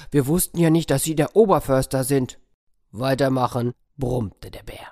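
A man reads a story to children, playful and lively, often turning to his listeners with little asides. His voice sits at a middle pitch and is recorded close and dry, with no room sound. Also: dry recording.

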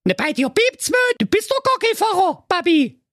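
A man voicing a snippy, bratty young princess in a cheeky falsetto. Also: sing-song, moderate pace, fairly bright tone, no echo, studio quality, heavily acted.

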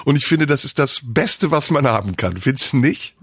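A sardonic man in a casual podcast chat, firing off blunt, mock-grumpy jabs at his co-host. His voice sits at a middle pitch. The recording is dry and close. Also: animated, normal speed, fairly bright tone, breathy edge, no room sound. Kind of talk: casual banter.

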